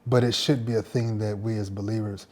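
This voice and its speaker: A male pastor giving a personal faith testimony in a reflective, halting way, often repeating words as he searches for them. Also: on the low side, little pitch movement.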